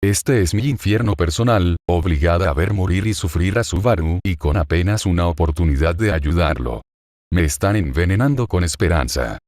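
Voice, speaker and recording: A man's voice: low-pitched, expressive, moderate pace, a little mellow, no echo. A man reading the lines of a grieving, furious young woman in a story, pleading and anguished. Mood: bitter.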